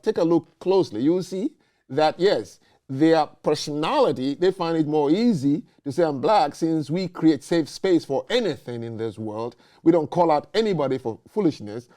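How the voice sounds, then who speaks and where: Guy hosting a debate show, warm low tone, hammers his points home. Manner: emphatic, repeats points with "okay?" and "you know". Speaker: host. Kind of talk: casual debate talk.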